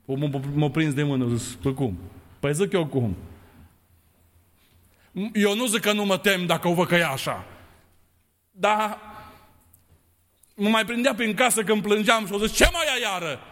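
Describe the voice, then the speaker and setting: A man's voice: pauses often, a bit bright. An older man preaching a fervent sermon, acting out the voices of the people in his stories. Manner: fervent, acts out voices, swings pitch. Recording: long hall reverb.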